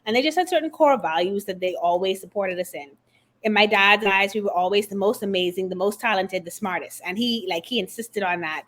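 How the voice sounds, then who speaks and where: Fairly quick and medium-pitched, a middle-aged Bahamian woman tells her story in an animated, expressive way as an interview guest. She is an author and confidence coach, and the talk is a conversational interview.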